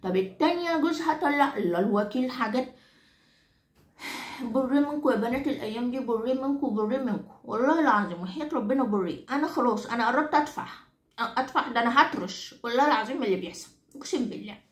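In an echoey room, a woman with a voice on the high side speaks quickly and expressively, near everyday in tone. She's performing a comic character monologue as a nagging Egyptian grandmother nearing ninety whose husband henpecks her. Ranting at the audience in an Egyptian Arabic accent, she scolds, repeats herself, and swears exaggerated oaths in a scolding mood.

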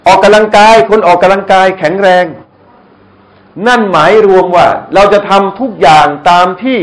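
Man, middle-aged, high voice, lively sermon, questions to the audience. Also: rough recording. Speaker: Islamic lecturer. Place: restaurant hall, live audience.

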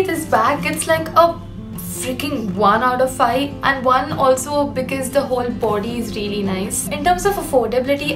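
A young woman with an Indian English accent, reviewing a bag haul in a chatty, expressive vlog from her bedroom. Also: high-pitched, reverberant. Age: young adult. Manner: chatty and expressive, mixing in Hindi phrases. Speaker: vlogger. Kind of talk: casual product haul review. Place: bedroom with striped wall.

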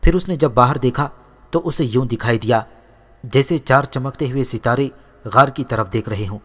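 A man reading a historical novel aloud as an audiobook narrator, measured and steady. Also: medium pitch. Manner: measured storytelling. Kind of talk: scripted narration.

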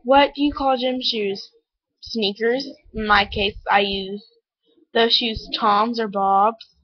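A woman with an Oklahoma accent talks casually, in a voice a little higher than most. She reads words off a list and chats between them, correcting herself now and then. The sound is the dull, muffled capture of a webcam mic. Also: steady tone, slow, husky. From Oklahoma, USA. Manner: reads words aloud, self-correcting chatter. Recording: lo-fi webcam audio.

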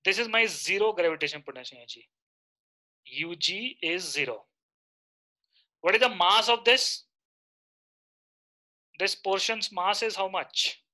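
A man's voice: sits high, expressive, a little slow, pauses often, bright, forceful tone, poor audio. A man in his thirties with an Indian accent, teaching a live online lecture and often checking in with short questions.

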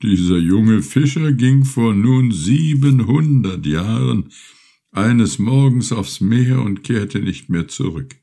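A man voicing a bent, frightened very old male villager who asks slow, halting questions. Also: on the low side, lively intonation, warm tone, pitched above the performer's own voice, heavily acted.

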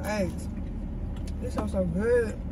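A man's voice: high-pitched, takes it slowly. A man reviewing food in a casual, slangy, enthusiastic way while talking with his mouth full, inside a car. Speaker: food vlogger. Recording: loud noise, car ambience.

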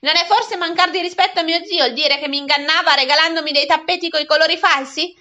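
A woman reading aloud and voicing an offended, melodramatic middle-aged lady with a shrill, theatrical manner. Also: fast, sharp tone, highs cut off. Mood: huffy.

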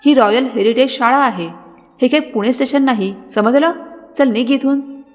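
A woman's voice: on the high side, moderate pace, darkish tone, natural voice. A woman voicing a strict, commanding middle-aged female math teacher in a storybook narration. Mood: angry scolding. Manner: commanding, scolding. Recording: long reverb with background music.

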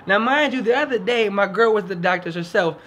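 A young man from Los Angeles hosts a laid-back podcast from an outdoor porch. He tells stories in a high, quick voice, laughing and gesturing as he goes. A faint hum of outdoor noise sits behind him. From Los Angeles, California. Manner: animated storyteller, laughs often, gestures broadly. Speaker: podcast host. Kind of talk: casual podcast chat. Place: outdoor porch, small patio.

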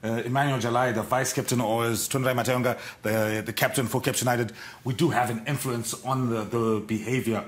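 A man's voice: mid-range voice, steady tone, a little fast, echoey room. A man in his thirties hosting a morning TV sports segment, asking long, probing questions with frequent fillers in a studio. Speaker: TV sports show host. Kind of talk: studio interview.

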